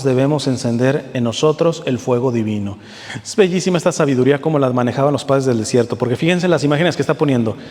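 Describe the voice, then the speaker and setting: A man preaching a sermon to a seated audience, earnest, with slow, deliberate readings and rising emphasis. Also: on the high side, darkish tone, in a large hall.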